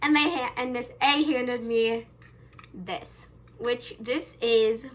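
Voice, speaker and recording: A woman's voice: on the high side, fairly even intonation, slow. A young woman vlogging to camera, telling a long story in a rambling way, often correcting herself and leaning on "basically" and "um". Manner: wide swings in loudness and pace. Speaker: YouTube vlogger. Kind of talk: casual camera vlog storytelling.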